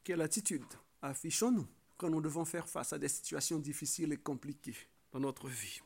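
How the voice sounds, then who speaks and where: A man's voice: fairly quick, vocal fry, a little mellow, breathy edge. A man preaching a sermon, earnest and exhortative, often tagging phrases with a questioning "hein" and lifting his voice to stress key points. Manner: earnest preaching, rises in pitch and volume for emphasis; frequent filler "hein".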